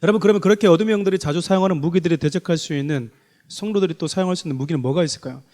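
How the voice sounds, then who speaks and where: Man, pastor, sermon, emphatic, rhetorical questions, high-pitched. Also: rapid-fire, warm tone.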